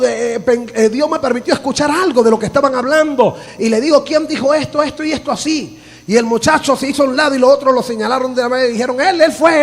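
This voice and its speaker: Fervent gravelly pastor preaching. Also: male voice, very high-pitched. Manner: fervent preaching, often shouting, with laughs and storytelling. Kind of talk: sermon. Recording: long hall reverb.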